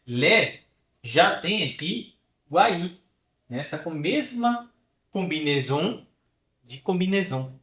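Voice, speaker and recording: A man's voice: on the high side, a bit bright, reverberant. A man teaching French pronunciation, drilling sounds and checking in with "né?" and "tá?". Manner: explanatory, drills sounds slowly, frequent "né?" and "tá?" check-ins. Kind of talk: online pronunciation lesson.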